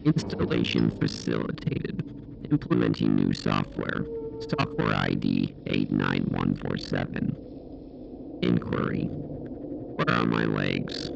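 A deep, gravelly android. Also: male voice, takes it slowly, heavily acted. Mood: mechanical. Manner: even, machine-like android delivery. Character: newly built android, calm and literal. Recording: muffled audio with music behind.

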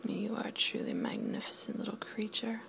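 A woman in an intimate audio roleplay, speaking in a commanding, teasing way, often dropping to a whisper, and counting down slowly. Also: medium pitch, wildly swooping pitch, vocal fry. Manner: slow counting down.

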